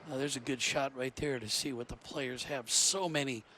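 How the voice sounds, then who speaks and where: A man's voice: mid-range voice, steady tone, moderate pace, pushed and bright. Male golf commentator, outdoor noise behind. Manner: explains technique in conversational analyst's way. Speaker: golf commentator, former player. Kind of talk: live golf commentary, analytical.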